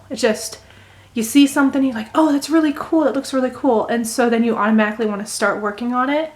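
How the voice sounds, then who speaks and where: Chatty woman with a higher voice. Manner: chatty, talks through each step. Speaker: crochet video host. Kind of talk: casual crochet tutorial.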